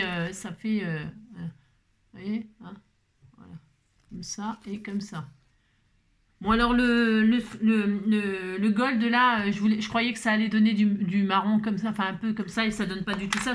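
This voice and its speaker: A fairly high-voiced woman with a French accent chats her way through a card-making project at her craft table. She thinks aloud and laughs at her own fumbles. A faint hiss sits under the recording. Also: a bit bright. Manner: chatty, self-mocking, thinks aloud with many fillers. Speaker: craft video host. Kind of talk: casual crafting demonstration.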